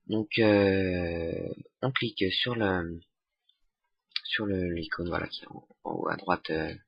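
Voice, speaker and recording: Low husky young man, lo-fi. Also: no room sound. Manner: hesitant, many fillers and restarts, self-mocking. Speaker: software tutorial maker. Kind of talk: casual screen-recorded tutorial. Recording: dull lo-fi desktop mic.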